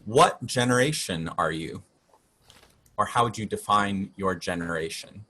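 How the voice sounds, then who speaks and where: A man's voice: on the low side, expressive, measured pace, bright, forceful tone, breathy edge. Male host, casual chat, playful, laughs a lot.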